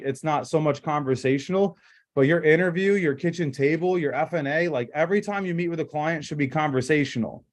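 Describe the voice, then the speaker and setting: Guy with a kinda high voice running a sales training on a group call, rambly, lots of likes and ums, pushes hard on his points. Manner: rambling, emphatic, lots of fillers and restarts.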